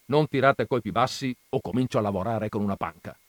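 A man voicing a gruff, stubborn village mayor who grumbles defiantly, in a dramatized audiobook reading. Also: on the low side, a little fast, no echo, lightly acted. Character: Peppone, gruff stubborn communist mayor, threatening.

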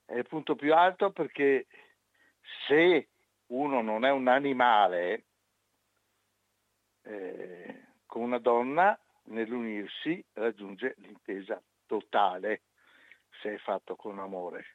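A man's voice: mid-range voice, dry recording. Indignant man calling in by phone. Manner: indignant, emphatic and slow-spoken. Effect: over a landline phone. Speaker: radio caller. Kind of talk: call-in comment on a radio show. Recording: narrow phone line, dry.

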